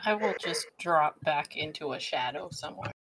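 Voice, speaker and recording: A woman's voice: sits low, lively intonation, normal speed, noisy background. A woman playing a tabletop game, talking casually and bluntly. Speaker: player.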